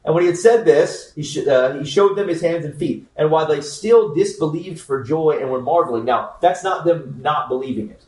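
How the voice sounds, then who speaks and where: Teaching the Bible to a group in an informal, joking way, a man keeps asking "okay?" to check in. He talks at normal speed with hardly any pauses, and his voice is on the high side with a darkish tone. The mic is distant, in an echoey room.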